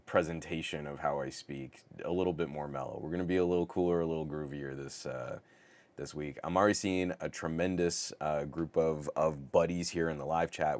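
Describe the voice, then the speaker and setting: A middle-aged man hosting a live tech podcast, talking with a scratchy, sick-sounding voice in an excitable, over-the-top way with stammered restarts. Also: sits low, dry recording. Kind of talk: casual live-stream chat.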